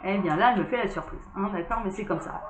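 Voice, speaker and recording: A chatty woman doing a casual card reading, speaking directly to her viewers as if they were friends. Her voice sits at an ordinary middle pitch. The room is echoey, and faint noise hums behind her. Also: quick pace. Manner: chatty, talks straight to viewers. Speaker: tarot card reader and channel host.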